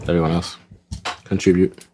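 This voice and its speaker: Man, low voice, podcast host, casual banter, mock-outraged ranting, swearing. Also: level tone, normal speed, background noise. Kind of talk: casual banter before a tabletop game.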